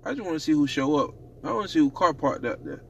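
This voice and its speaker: A man's voice: a little high, animated, quick pace, highs cut off, a little hiss or hum. Riffing man in casual podcast chat. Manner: laughing, riffing, echoes others' lines. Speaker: podcast co-host. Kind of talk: casual banter.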